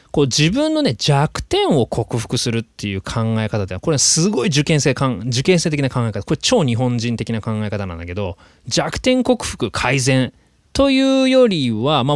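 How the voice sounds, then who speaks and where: Chatty animated man, lively pitch. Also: dry recording, studio quality. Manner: chatty, animated, drawn-out fillers. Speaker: podcast host. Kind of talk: casual podcast monologue. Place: lives in Sydney.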